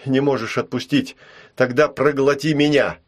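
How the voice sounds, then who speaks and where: A man voicing a bold, stubborn young boy who pleads and shouts with urgency. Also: mid-range voice, fairly even intonation, normal speed, pitched above the performer's own voice, close to an everyday voice. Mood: urgent, pleading.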